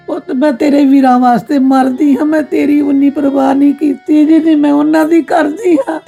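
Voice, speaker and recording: Woman doing a sad old punjabi mom, crying voice, kinda high and raspy. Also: level tone, normal speed, dark tone, faint music behind. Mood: grieving. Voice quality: gravelly, tearful. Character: elderly mother, neglected and grieving. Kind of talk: Punjabi family drama acting.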